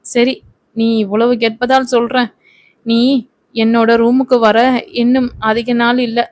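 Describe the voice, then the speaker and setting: A woman's voice: on the high side, flat delivery, a little slow, dry recording, natural voice. A woman reading the part of a cocky young male film star who teases and taunts his co-star. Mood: taunting. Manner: teasing, taunting.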